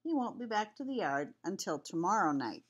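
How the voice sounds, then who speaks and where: A woman's voice: medium pitch, very animated, moderate pace, lo-fi sound. An older woman, a sweet grandmother with a cold, reading a children's picture book aloud in a homely, chatty way. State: has a cold with cough.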